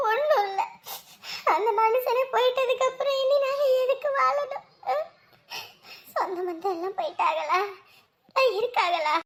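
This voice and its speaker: A woman's voice: extremely high pitch, moderate pace, long pauses, a bit bright. An actress playing a grieving widow who sobs and wails through her speech. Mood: wailing grief. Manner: sobbing, wailing speech. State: crying. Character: grieving widow, wailing and bitter. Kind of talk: family drama acting.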